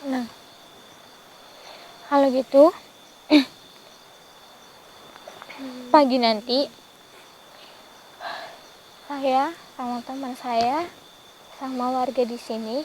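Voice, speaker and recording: A woman investigating the paranormal, who pleads gently and keeps addressing the man she is talking to with a polite title. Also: high voice, fairly even intonation, very slow, long pauses, slight background noise, rough recording. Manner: gently pleading, repeats "Pak" often. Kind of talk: vlog. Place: outdoors in a forest at night.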